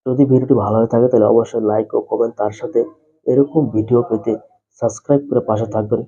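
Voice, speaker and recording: This man's medium-pitched voice is steady, dark, and breathy as he moves quickly through a step-by-step phone tutorial. As a tech tutorial host, he speaks directly to viewers and explains things repetitively. The voice-over is lo-fi, muffled, and dull.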